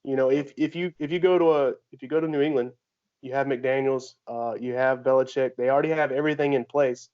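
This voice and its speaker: A man's voice: mid-range voice, fairly even intonation, brisk. A man co-hosting a sports podcast, laying out his take in casual chat with laughs and restarts. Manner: laughs while making his case, rambling restarts. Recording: dull lo-fi podcast audio.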